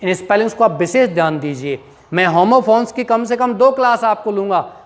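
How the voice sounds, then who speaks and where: A man's voice: high-pitched, a little fast, big-room sound. A male teacher giving a classroom grammar lesson, spelling out words letter by letter, repeating them and quizzing his pupils.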